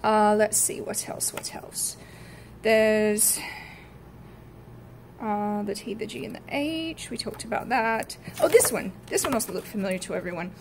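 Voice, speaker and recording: A woman talks casually through her notes on an accent, thinking aloud with plenty of fillers. She breaks off now and then to try out short sounds. Her voice sits at an ordinary middle pitch, with a faint background hiss on the recording. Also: moderate pace. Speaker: acting student. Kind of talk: casual spoken practice notes.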